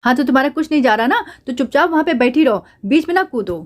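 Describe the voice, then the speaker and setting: Woman doing a hot-tempered middle-aged aunty, indignant, scolding, high voice. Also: expressive, fast talker.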